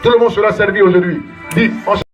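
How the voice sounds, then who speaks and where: A man's voice: high voice, steady tone, fast, highs cut off, soft background music. A man preaching as a prophet, emphatic and repetitive, calling out names and Alléluia in call-and-response.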